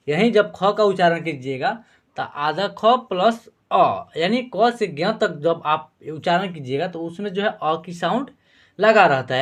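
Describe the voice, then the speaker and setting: A male teacher explaining a lesson patiently, repeating points and addressing viewers as friends. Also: high voice.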